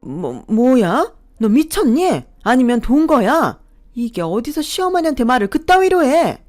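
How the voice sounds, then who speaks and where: A woman's voice: on the high side, animated, moderate pace, faint music behind, pitched above the performer's own voice, lightly acted. A woman voicing a bossy, easily enraged mother-in-law who scolds and sneers. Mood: shrill fury.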